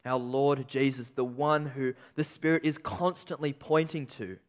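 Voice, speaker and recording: A man preaching a sermon with an emphatic delivery, slowing on key phrases and swinging between loud peaks and quiet endings. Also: medium pitch. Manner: emphatic, rising and falling delivery with slow stressed phrases.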